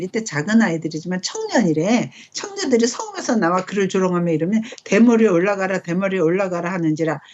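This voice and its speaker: A middle-aged woman leading a casual Bible study at home, speaking conversationally and checking in with quick rhetorical questions. Her voice sits low for a woman. It is captured on a dull, lo-fi recording. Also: darkish tone.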